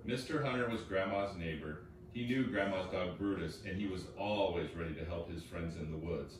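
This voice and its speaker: A man narrating a children's fairy tale play with expressive storytelling. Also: sits low, normal speed. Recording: distant, echoey, noisy home recording.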